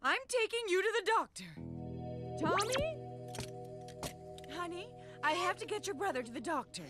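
A woman's voice: very high-pitched, animated, moderate pace. A woman voicing a doting but bossy suburban mom and wife in a cartoon. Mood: motherly concern. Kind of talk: animated cartoon voice acting. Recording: music behind the voice.

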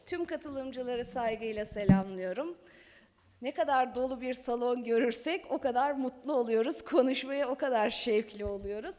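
A woman's voice: a little high, normal speed, warm tone. A middle-aged woman speaking at a lectern microphone in a large conference hall, giving a chatty, conversational law talk with light laughter. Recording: long hall reverb.

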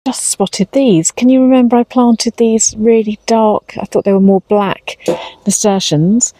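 A woman's voice: a little high, fairly even intonation, unhurried, dark tone, a little hiss or hum, rough recording. Woman, fifties, English accent, casual garden vlog, chatty, slightly anxious, outdoors, lapel mic. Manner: chatty, slightly anxious, talks while working. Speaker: vlogger.

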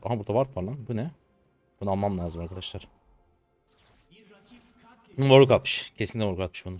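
A hoarse man in his twenties giving slangy live commentary to viewers while he plays a game. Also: fairly low pitch, darkish tone. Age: 20s. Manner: rapid slangy chatter to viewers. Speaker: gaming streamer.

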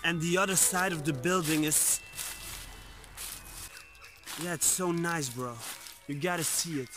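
A twentysomething man with a slightly high, slightly slow voice vlogs about urban exploration, chatting casually in slang and calling his viewers "bros." He's outdoors in the woods beside an abandoned building, filming on a phone held at arm's length on a selfie stick, with noisy surroundings.

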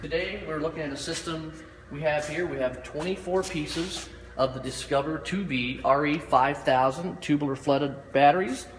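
A man's voice: on the high side, normal speed, long reverb tail, slight background noise. Man explaining a solar setup in a barn. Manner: plain explanatory, with fillers. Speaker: solar installer. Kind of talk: equipment walkthrough. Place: metal-walled pole barn.

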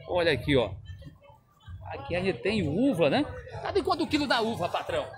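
A man's voice: high-pitched, big pitch swings, brisk. A man with a Northeastern Brazilian accent touring an outdoor street market for his vlog, chatty and laughing often as he calls out prices. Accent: Northeastern Brazilian Portuguese. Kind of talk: casual market walk-around vlog.

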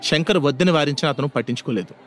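A man's voice: on the high side, racing, a little hiss or hum. Male storyteller with a raised voice. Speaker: narrator. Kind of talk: scripted story narration.

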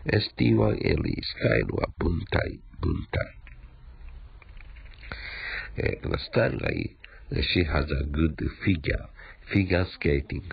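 Deep, gravelly man teaching English words. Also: dull audio. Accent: Japanese. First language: Japanese. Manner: repeats words slowly, spells them out letter by letter. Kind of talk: English vocabulary lesson.

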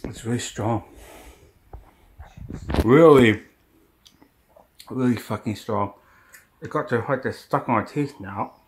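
A man's voice: medium pitch, slow pace, long pauses, a little hiss or hum. A man reviewing candy in a casual vlog, talking with his mouth full, chewing between words and swearing freely. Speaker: vlogger. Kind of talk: casual taste-test vlog.

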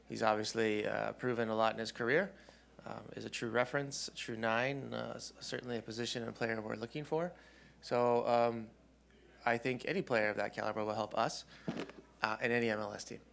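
Measured man answering press questions. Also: mid-range voice, creaky, a bit bright. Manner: measured, thoughtful answers with many ums. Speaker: head coach. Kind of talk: postgame press conference. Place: press room. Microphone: desk mic on stand.

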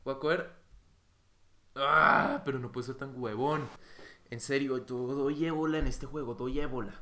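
A young man with a Colombian Spanish accent giving excitable Minecraft gameplay commentary, swearing and yelping at mishaps. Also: medium pitch, a little fast. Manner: excitable, swears, bursts into yelps. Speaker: gaming youtuber. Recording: bright roomy home mic with faint noise.

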